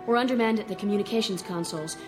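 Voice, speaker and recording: A woman's voice: mid-range voice, rapid-fire, over music, natural voice. A woman playing a resolute young princess and rebel leader in a radio drama, decisive and authoritative. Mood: grave resolve.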